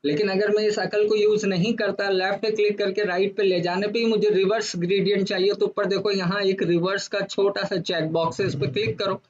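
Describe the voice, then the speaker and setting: A man teaching a software design class step by step, asking himself questions and then answering them. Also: high-pitched, little pitch movement, lo-fi sound. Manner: explains step by step with rhetorical questions; says he talks fast to fast-forward. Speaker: design instructor. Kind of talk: screen-recorded software lesson.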